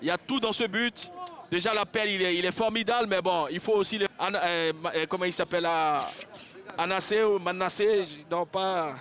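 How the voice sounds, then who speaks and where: A man co-commentating on football, analysing play in a halting way as he searches for words. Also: sits high, fairly even intonation, a bit bright.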